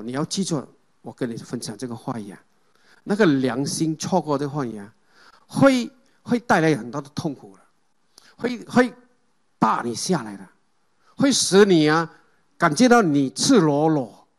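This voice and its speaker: High-voiced man preaching a sermon. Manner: calls out Amen and Hallelujah to the congregation; asks the congregation questions and leads group reading.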